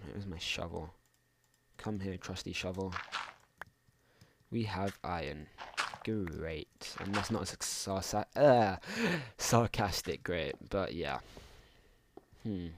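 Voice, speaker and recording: A man's voice: low-pitched, measured pace, a little hiss or hum. A young man casually commenting while playing a game at home, rambling through mumbled asides into a desktop microphone. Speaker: gaming channel host. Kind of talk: casual let's play commentary.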